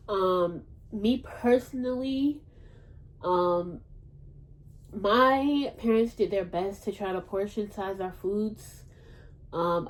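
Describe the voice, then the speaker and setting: A woman's voice: medium pitch, poor audio. A woman hosting a podcast in casual chat, talking in a rambling, blunt way and swearing freely. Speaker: podcast host.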